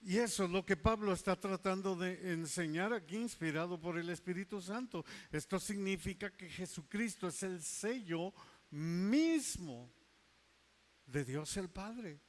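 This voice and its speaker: A male pastor preaching a sermon, emphatic, stretching key words slowly and dropping into quiet asides. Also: sits high.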